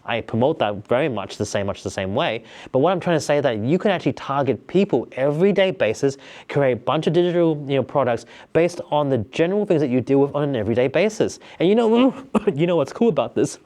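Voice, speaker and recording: A man talking casually to camera, coaching viewers on business ideas in an energetic, repetitive way. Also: medium pitch, quick pace, hardly any pauses. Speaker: business tips vlogger. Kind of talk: casual motivational talk to camera.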